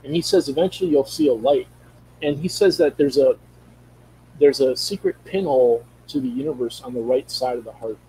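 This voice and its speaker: A middle-aged Minnesota guest talks casually over a video call from his home, using a studio mic. His medium-pitched, mellow voice moves a little fast, and his speech is rambling, full of restarts and word searching. There's a little hiss or hum, and the recording quality is low.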